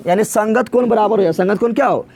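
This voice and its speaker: Male math tutor, high-pitched, drills the class with repeated call-and-response questions. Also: fast talker, creaky, a little mellow. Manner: drills terms by repeating words three times. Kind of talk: live classroom teaching.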